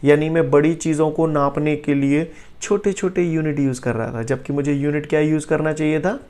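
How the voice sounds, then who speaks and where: A man teaching a physics class in a jokey, teasing way, who keeps checking "clear?" his students. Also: normal speed. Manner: jokey, keeps asking "clear?" and "bolo bhaiya"; swings from low explaining to loud excited teasing. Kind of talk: classroom lecture.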